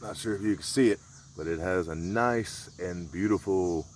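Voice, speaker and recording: A man demonstrating survival skills outdoors in a relaxed, rambling, folksy way. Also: low voice, moderate pace, slight background noise. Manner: laid-back, rambling, folksy. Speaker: survival vlogger. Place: outdoors in a rural area.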